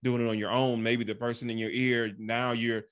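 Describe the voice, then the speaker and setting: A man's voice: mid-range voice, flat delivery, moderate pace, smooth, no echo. A man hosting a casual podcast interview, affirming the guest with frequent "right" and "I gotcha" and asking loose, rambling questions. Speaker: podcast host.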